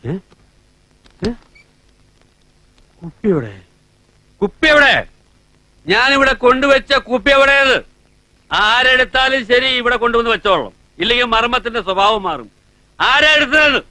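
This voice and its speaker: A man's voice: very high voice, animated, unhurried, long pauses, pushed and bright, dry recording, full character voice. An actor playing a tipsy, blustering older man who is a proud father-in-law in a film scene. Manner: drunken and blustering. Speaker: drunk uncle.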